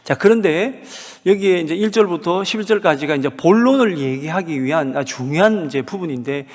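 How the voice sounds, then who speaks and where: A man preaching a sermon, with a high, lively voice that leaps up and down as he asks his listeners rhetorical questions. His voice rings with long reverb, the sound of a church sanctuary. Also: a little fast. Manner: animated, rhetorical questions to the congregation. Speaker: pastor. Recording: hall reverb.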